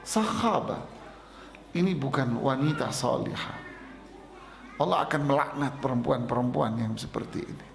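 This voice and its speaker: A man preaching a sermon, telling stories and acting out both sides of the dialogue in a lively way. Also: mid-range voice, normal speed, gravelly. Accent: Indonesian. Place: mosque. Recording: echoey mosque hall.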